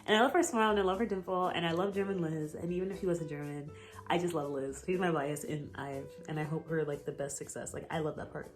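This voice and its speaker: A woman's voice: sits low, fast, soft background music. A young American woman chatting casually in a vlog, rambling and gushing with lots of fillers and giggles. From United States. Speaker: vlogger. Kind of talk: casual chat.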